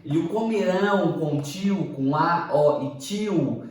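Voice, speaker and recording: Guy teaching a class, really slow, spells stuff out, sounds far off in a boomy room. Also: darkish tone. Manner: slow, deliberate, spells out syllables and asks "ok?" often. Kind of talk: recorded online class lecture. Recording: echoey room, mic far off.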